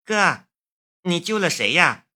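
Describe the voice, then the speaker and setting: A man's voice: high-pitched, very animated, takes it slowly, bright, forceful tone, pitched above the performer's own voice, heavily acted. A man doing a bubbly teasing little sister. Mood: curious. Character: teasing playful young woman, little sister.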